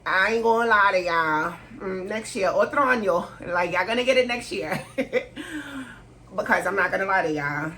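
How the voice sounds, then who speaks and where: Seated indoors at home, a woman vlogger in her 30s fields questions candidly, keeping things loose and slangy and laughing along. She speaks at a moderate pace with medium pitch and a bright, forceful tone, a faint room hiss behind her.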